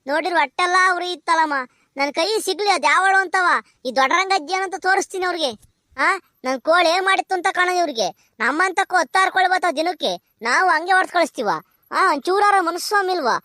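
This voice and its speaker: Shrill quarrelsome old village granny for a cartoon comedy, a woman voices her; rural Karnataka Kannada accent, bright piercing tone. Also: fast, dry recording, studio quality. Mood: angry scolding. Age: older. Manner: shrill scolding, threatening.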